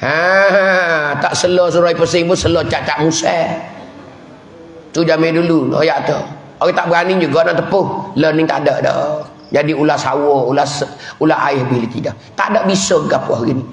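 This religious teacher from southern Thailand has a Patani Malay accent and a fairly high voice at a normal speed. Giving a village mosque sermon, he chuckles through stories and chants prayers. It was captured from afar in an echoey mosque hall.

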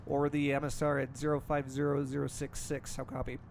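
A man's voice: medium pitch, monotone, fairly quick, a little mellow. A man giving military commands and directions as a commander in a simulation game. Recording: clear background game gunfire and vehicle noise.

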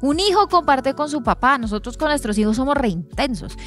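Woman, Colombian accent, earnest preaching, slightly high voice, faint music underneath. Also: fairly quick. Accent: Colombian Spanish. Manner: earnest, with lively acted-out quotes. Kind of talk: sermon. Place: church stage.

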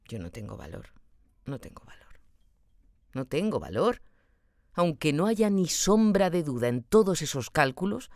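A woman reads a tormented young man in an audiobook. He mutters in anguish, his voice dropping low and almost to a whisper. The sound is dry and close, with no room around it. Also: no echo. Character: tormented feverish young male student. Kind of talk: audiobook character voice.

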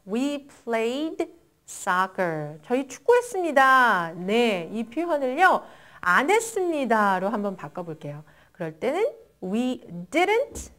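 Lively, slow-drilling teacher. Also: female voice, medium pitch. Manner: switches between quick Korean explanation and slow, deliberate English model phrases. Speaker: English teacher. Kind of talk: language lesson with slow drill repetitions.

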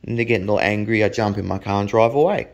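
A man's voice: lowish voice, fast talker, gravelly, muffled recording. An Australian man telling a blunt, profane anecdote in a rambling, casual way. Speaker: storyteller.

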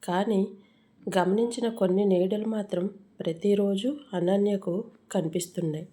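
A woman storyteller reading a suspense tale in a steady, suspenseful way. Her voice is warm and mellow, sitting at an ordinary middle pitch. It sounds like scripted narration for a story channel.

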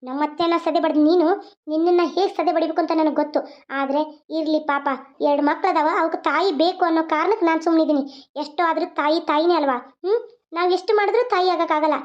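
A woman's voice: extremely high pitch, fairly even intonation, quick pace. A woman voicing a defiant young wife in a cartoon, with a firm, accusing manner. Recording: dull lo-fi.

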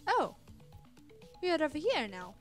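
Lively woman streamer over game music. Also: high-pitched, a little slow. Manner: talks to herself and reacts aloud, with swearing. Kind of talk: casual gameplay commentary.

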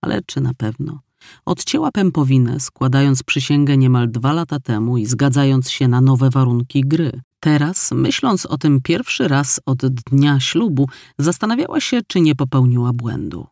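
A man reading an audiobook in measured, expressive scripted narration. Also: medium pitch, creaky, no room sound, studio quality.

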